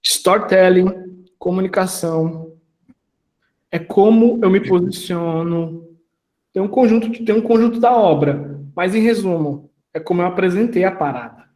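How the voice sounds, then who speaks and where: Animated high-voiced man mentoring casually. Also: normal speed, echoey room. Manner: animated, slangy, asks the audience questions.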